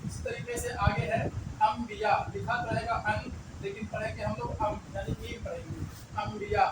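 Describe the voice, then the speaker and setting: High-voiced man teaching in an echoey room. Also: level tone, moderate pace, recorded from a distance. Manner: patient, asks and answers his own questions, repeats key words. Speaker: Urdu teacher. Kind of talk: beginner language lesson. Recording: echoey, mic set back, traffic noise.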